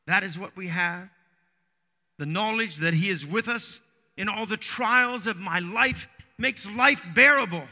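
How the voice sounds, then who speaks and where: A man's voice: sits high, measured pace, pushed and bright. A man preaching an earnest sermon that builds to fervent emphasis. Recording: long hall reverb.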